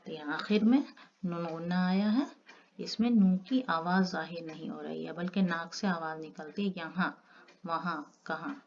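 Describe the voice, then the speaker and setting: A woman's voice: on the low side, moderate pace, a little mellow. A woman teacher giving an Urdu grammar lesson, explaining step by step and drawing out the example words. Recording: dull lo-fi audio with faint noise.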